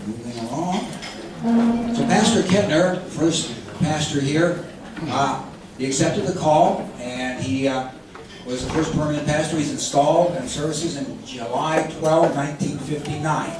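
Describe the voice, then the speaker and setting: A man's voice: a little high, unhurried. A man hosting an anniversary program who presents church history conversationally, with hesitant fillers. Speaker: event host. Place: church hall. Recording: very echoey hall, distant mic, noisy.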